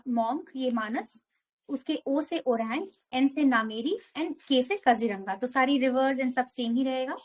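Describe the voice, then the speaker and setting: A young woman teaching an exam prep geography lesson, walking through a map step by step and mixing English terms into her Hindi. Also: sits high.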